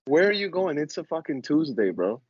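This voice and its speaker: A man's voice: fairly high pitch, big pitch swings, fairly quick, a little mellow, breathy edge, dry recording. A man hosts a casual sports podcast in slangy frat-bro style. His mid-range voice is recorded very dry, with a slightly dull, lo-fi tone. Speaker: podcast host.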